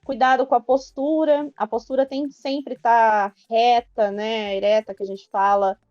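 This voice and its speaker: A woman's voice: fairly high pitch, little pitch movement, unhurried, a little mellow, dry recording, dull audio, faint music behind. A woman from Brazil on a podcast, giving practical advice in a chatty, explanatory way. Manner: explanatory, many filler tags. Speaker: guest speaker on public speaking.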